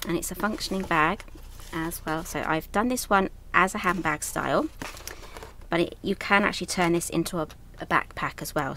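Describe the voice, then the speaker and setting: A woman's voice: low-pitched, fairly bright tone, slight background noise. A woman from southern England, born in Yorkshire, casually showing off her new craft designs in a chatty, enthusiastic, rambling way. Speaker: craft designer presenting a product launch. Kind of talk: casual product showcase.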